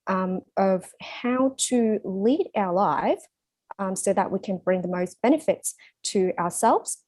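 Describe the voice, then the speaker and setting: Woman, interpreter, halting speech, many um and uh, dark mellow tone, dry close sound. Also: medium pitch, no room sound. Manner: halting, many fillers and restarts. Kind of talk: spoken interpretation into English.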